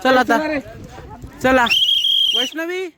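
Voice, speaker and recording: A young man from Maharashtra, India, is vlogging outdoors at a camp farewell, playfully teasing his friends in casual chat. His voice is very high and unhurried, and the recording is very noisy, with a crowd of students chatting behind him.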